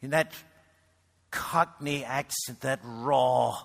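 A man preaching a sermon to a congregation, swinging between loud calls and near-whispered lines. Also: medium pitch, fairly even intonation, slow, vocal fry. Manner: builds to loud shouts, then drops to a hush. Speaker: pastor. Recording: reverberant hall.

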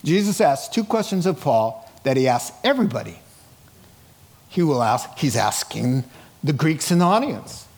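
This sermon comes from a middle-aged man whose slightly high, sing-song voice is a little mellow and moves at normal speed. Informal and conversational, he reads scripture and retells it through colloquial, dramatized asides, animatedly storytelling and acting out dialogue.

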